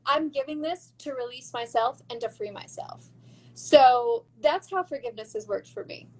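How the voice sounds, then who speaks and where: A woman's voice: high-pitched, moderate pace, darkish tone, rough recording. A woman guest telling her own story in a candid, outspoken way, swearing freely. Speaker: interview guest.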